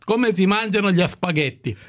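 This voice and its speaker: In an improvised radio comedy sketch, an actor plays a pompous, boorish know-it-all handing out absurd etiquette lessons, insistent and tripping over his words. His voice is high-pitched, expressive and a bit bright, at normal speed.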